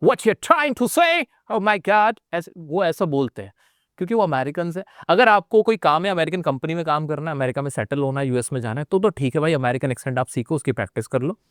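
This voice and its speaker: A man with an Indian accent teaches an energetic spoken English class, urging his students on and repeating lines to drive them home. His voice sits a little high for a man and sounds smooth and crisp. The recording is close and dry, with no room sound. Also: quick pace, dry recording. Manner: motivational, addresses students directly and repeats phrases. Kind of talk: energetic online class lecture.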